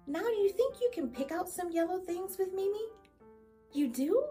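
A woman hosting a preschool lesson for young children in an encouraging, sing-song kindergarten teacher voice, asking simple questions and pausing for answers. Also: extremely high pitch, expressive, mellow, faint music behind. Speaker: children's show host.

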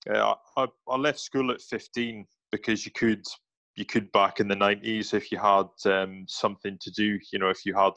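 Podcast guest: Highland Scottish man, gravelly voice, matey casual storyteller, close dry sound. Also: a bit bright, no echo, highs cut off. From Highlands of Scotland, near Inverness. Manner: informal, matey, self-deprecating. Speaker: podcast guest, military veteran. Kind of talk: casual chat, personal storytelling.

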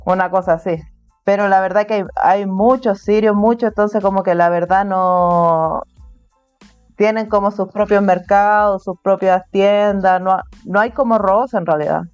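Chilean woman interviewee, relaxed chatty talk, dry dull-ish audio. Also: medium pitch, a little slow, smooth, no room sound, faint music behind. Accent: Chilean Spanish. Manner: casual, chatty, laughs between points. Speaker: interviewee, artist living abroad. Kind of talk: remote interview conversation.

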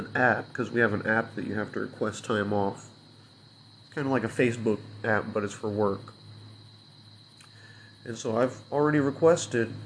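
A man's voice: mid-range voice, slight background noise. A young man in a casual, rambling rant, hungover and unwell, swearing and frustrated, with many fillers.

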